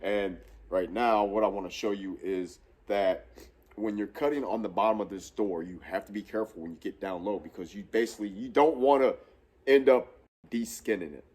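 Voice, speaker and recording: In a spacious fabrication shop, a man in his thirties who hosts a truck build series talks through a laid-back tutorial, wandering and self-correcting as a tripod camera films from mid distance. A cold leaves him nasal and congested. He speaks at a moderate pace in a lowish, somewhat mellow voice.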